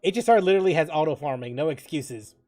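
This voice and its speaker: Quick-paced and mid-range in pitch, the voice of this gaming livestreamer has no room sound. There's casual banter, some mild swearing, chat read out loud and running commentary on play, all set against background music.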